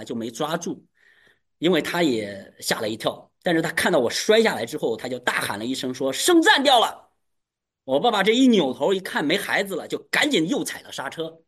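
A man preaching to his congregation, telling a personal testimony with animated, emphatic storytelling. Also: a little high, husky. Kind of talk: testimony sermon.

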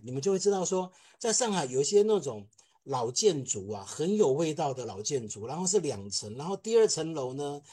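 A man, a film director giving a lively testimony to a church congregation and acting out the people in his story. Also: a little high. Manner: animated storytelling, acts out quotes.

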